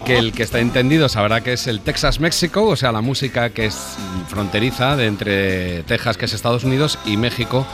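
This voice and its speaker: A man's voice: medium pitch, brisk, hardly any pauses. A man presenting a music segment on the radio, explaining a style in a chatty way.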